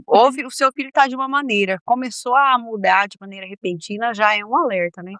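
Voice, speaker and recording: A woman's voice: fairly high pitch, a little fast, fairly bright tone, no room sound. A woman counselor in a podcast interview, earnestly telling examples from her work and family. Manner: earnest, tells examples with quoted dialogue. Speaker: guardianship counselor.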